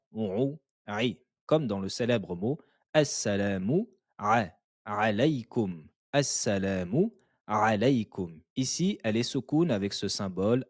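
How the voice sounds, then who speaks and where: A man's voice: on the low side, darkish tone, no room sound, studio quality. A man teaching Quran recitation step by step, patiently repeating syllables and encouraging the learner. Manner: patient, drills syllables slowly and repeats them; encouraging, praises the learner often. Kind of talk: step-by-step tajwid lesson.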